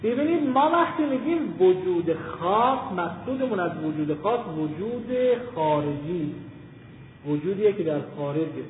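Male lecturer, high voice, measured classroom delivery that leans on key terms; tinny, roomy recording. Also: expressive, slight background noise. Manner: deliberate, slows and stresses key terms. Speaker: teacher of Islamic philosophy. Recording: tinny, echoey hall recording.

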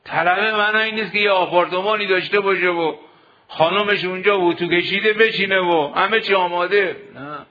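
On a dull lo-fi recording, a cleric preaches a sermon to seminary students, urging them on with rhetorical questions. His voice is high, and his intonation stays fairly even.

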